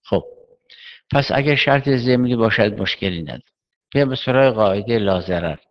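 A man's voice: on the low side, lively intonation, muffled recording. A man teaching Islamic jurisprudence in a seminary lecture, reasoning step by step and asking questions he then answers himself.

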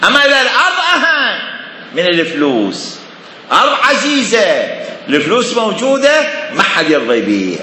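A man's voice: high-pitched, huge pitch swings, a little fast, pushed and bright, reverberant, big-room sound, slight background noise. A man giving a seminary lecture on religious law, emphatic and full of rhetorical questions.

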